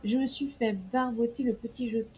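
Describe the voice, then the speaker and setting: A woman's voice: on the high side, steady tone, brisk, a little mellow, slight background noise. A young woman streaming a game, chatting casually, laughing often and reading chat messages aloud. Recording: faint game music behind.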